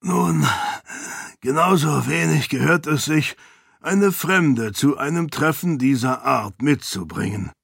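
A man voicing a hearty, jovial overweight nobleman who talks in a booming way. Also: animated, slow pace, gravelly, fairly bright tone, no room sound, clean studio sound, heavily acted. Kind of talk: audiobook character voice.

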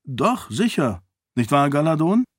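A man's voice: on the high side, sing-song, a little slow, breathy edge, no room sound, pitched above the performer's own voice, exaggerated voice. Audiobook part: a wry, clever man, read by a male narrator in a level, dry voice. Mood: probing.

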